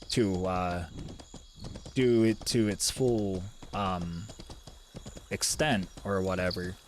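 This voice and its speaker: Laid-back low-voiced male streamer. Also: slight background noise. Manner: laid-back, rambling, swears casually. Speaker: game streamer. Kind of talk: casual live-stream commentary.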